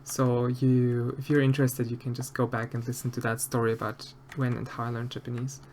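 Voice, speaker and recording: His delivery is completely flat and a little fast, in a mid-range voice with a bit of hiss or hum behind it. The speaker is an Austrian man with an Austrian German accent, sculpting on stream and answering chat hesitantly and softly, with many fillers and restarts.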